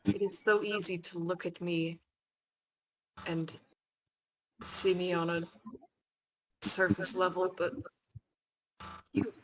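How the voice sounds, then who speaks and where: A woman playing a guilt-ridden, defiant adventurer in a tabletop game, speaking in a halting, confrontational, earnest way. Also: on the low side, steady tone, slight background noise, poor audio. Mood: guilty, defiant. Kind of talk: tabletop role-play.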